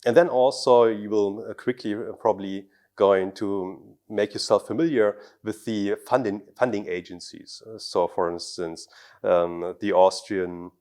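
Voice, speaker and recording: A German startup founder in his thirties answers interview questions to camera in an indoor office meeting room, recorded on a lapel mic. His voice is on the low side, darkish, unhurried, and fairly even in intonation. He feels his way through sentences, repeating words.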